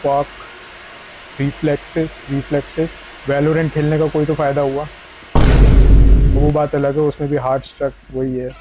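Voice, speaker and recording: A young man from India giving casual gameplay commentary, excitable, repeating words in quick bursts and mixing English gaming slang into his talk. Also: a little high, background noise. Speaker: gaming streamer.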